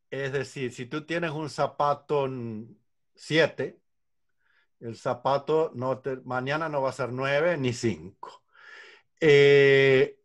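An older man, a singing teacher, patiently explaining voice ranges in an online lesson from a room at home over a video call. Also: medium pitch. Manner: patient, explanatory, illustrates with counting and examples.

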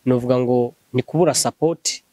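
Fast-talking young man, earnest. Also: medium pitch, mellow, no echo. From Burundi. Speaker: leader of a gospel singing group. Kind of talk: interview answers.

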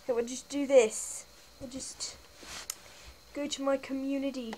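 High-voiced young woman reading comments. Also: steady tone, measured pace, warm tone, a little hiss or hum, low-quality recording. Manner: chatty, giggly, reads comments aloud and answers them. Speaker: channel host. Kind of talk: casual comment-reading vlog.

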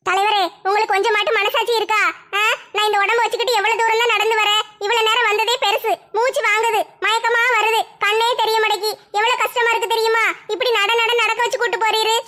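A woman's voice: very high voice, level tone, fast talker, bright, forceful tone. A woman playing a fearful, chatty village wife and mother who rambles and complains. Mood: indignant.

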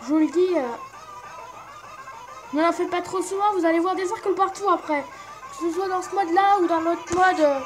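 A woman's voice: very high voice, steady tone, normal speed, long pauses, rough recording. A young woman casually commenting on a rhythm game, giggling and poking fun at herself. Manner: giggly, self-mocking, chatty. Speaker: gaming channel host. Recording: game music playing softly behind. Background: faint game music.

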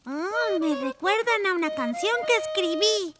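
A woman's voice: extremely high pitch, animated, measured pace. A woman voicing a small, scheming, eager cartoon bird with a theatrical sing-song delivery. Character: small excitable pink bird, scheming birthday boy. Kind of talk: children's cartoon dubbing. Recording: children's music behind the voice.

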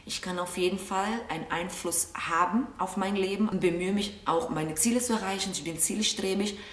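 Her mid-range voice is steady and a bit bright, moving at a moderate pace as this young Brazilian vlog host answers viewers' questions from her living-room sofa. She talks thoughtfully to camera with a Brazilian Portuguese accent and lots of hand gestures. Recorded by a camera a short way off, the sound is roomy.

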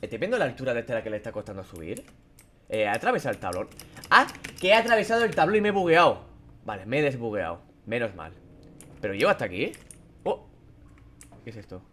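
A man's voice: mid-range voice, big pitch swings, fast, pauses often, fairly bright tone, slight background noise. A young man from Spain with a Spain Spanish accent, commentating a horror game as he plays it. He swears and yelps at the scares, then drops to mutters between them. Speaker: gaming YouTuber.

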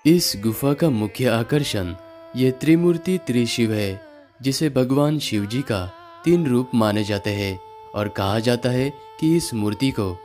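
A man giving a steady, informative voice-over as a travel vlogger, narrating a guided tour. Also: fairly low pitch. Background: clear guitar music.

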